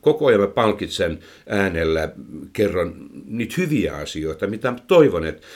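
Male horse trainer, lowish register, chatty explainer, filler-heavy delivery. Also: big pitch swings, darkish tone. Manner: explains at length, many "tota" fillers and repeated words. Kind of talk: casual explanatory chat. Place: indoors, recorded for a microphone.

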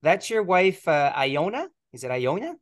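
A man's voice: fairly high pitch, very animated, moderate pace. A man hosting a podcast, asking friendly, chatty questions in a casual interview. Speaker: podcast host.

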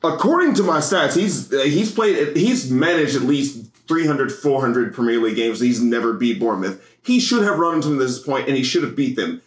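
An American man co-hosting a casual sports podcast, rambling and excitable, laughing often. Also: medium pitch, moderate pace, hardly any pauses. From United States. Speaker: podcast co-host. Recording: echoey room.

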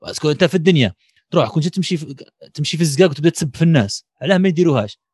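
A man with an Algerian accent making his points in an animated, argumentative casual discussion, piling up everyday examples. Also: a little high, rapid-fire, slightly rough, no echo, studio quality. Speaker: discussion participant.

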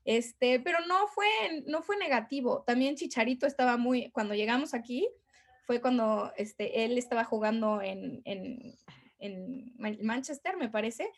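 Woman, Mexican accent, podcast guest, chatty, fillers and restarts, fairly high voice. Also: a little slow. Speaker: guest, tour guide. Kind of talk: casual podcast conversation.

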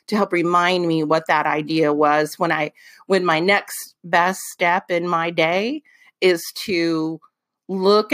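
A woman hosts her own solo podcast, talking the listener through business advice in a loose, chatty way. Her voice sits a bit low, and she takes her time, unhurried, with plenty of ums and restarts along the way. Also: fairly bright tone. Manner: folksy asides addressed to the listener. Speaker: podcast host.

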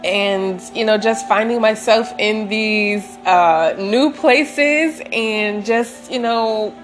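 A woman chatting casually and unscripted to viewers in a reflective, meandering, gently self-affirming way, as a vlogger does. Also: medium pitch, slow pace. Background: soft sentimental music.

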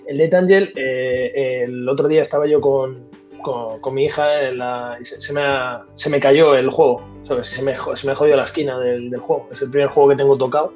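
A man's voice: mid-range voice, steady tone, brisk, a little mellow, faint music behind. A man in his thirties with a Spanish accent from Spain, chatting casually on a video call and rambling, repeating words. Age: 30s. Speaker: guest.

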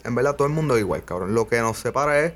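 A man's voice: mid-range voice, lively intonation, very fast, soft background music. A young man hosting a podcast, talking casually and earnestly, peppering his speech with swearing. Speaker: podcast host. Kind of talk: casual conversation.

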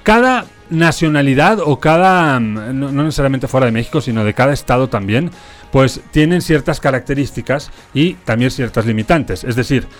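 A man from Spain with a softened Spanish accent, hosting a casual talk show and explaining points in a measured way. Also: medium pitch, animated, faint music behind. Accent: Spanish, softened toward neutral Mexican. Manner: explanatory, measured, often tags "¿no?". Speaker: host. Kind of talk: casual radio-style chat.

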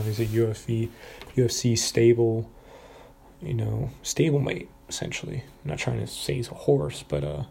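A man's voice: medium pitch, gravelly, warm tone, a little hiss or hum. A man casually previewing upcoming fights, talking in a hesitant way with many fillers and restarts. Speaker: fight predictions commentator.

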